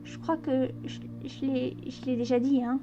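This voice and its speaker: A woman voicing a shy young filly in a storybook reading, speaking softly and stammering. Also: high voice, little pitch movement, normal speed, lo-fi sound, over music.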